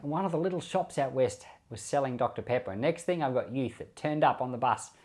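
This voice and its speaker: Talking fast with lively intonation, this Australian man has a medium-pitched, somewhat dark voice. As a pastor and host of a Bible podcast, he preaches and explains scripture loosely and conversationally, repeating short phrases often.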